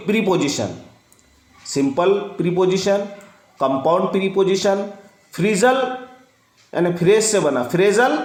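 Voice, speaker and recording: Guy teaching english grammar real slow, lots of fillers, kinda roomy sound. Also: sits high. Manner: slow, repetitive explaining with many fillers. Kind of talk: grammar lesson.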